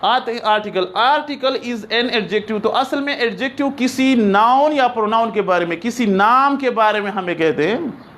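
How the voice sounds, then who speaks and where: A man teaching an English class, explaining slowly, repeating examples and checking that students follow. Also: very high-pitched, a bit bright. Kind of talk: classroom lecture.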